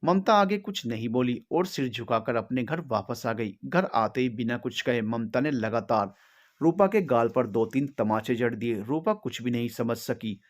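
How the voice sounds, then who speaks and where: Man, storyteller, steady, solemn, scripted narration. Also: medium pitch, normal speed.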